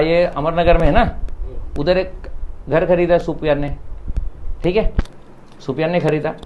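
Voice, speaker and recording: A man's voice: on the high side, muffled recording, a little hiss or hum. A man with a Mumbai Hindi accent giving an emphatic, insistent on-camera statement, answering allegations and repeating his points.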